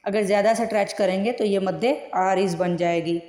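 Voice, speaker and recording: A woman teaching Quran recitation word by word. She draws each word out slowly and then explains it in plain speech. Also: mid-range voice, fairly even intonation, dark tone. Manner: slow drawn-out recitation between plain explanations. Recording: echoey room with long reverb.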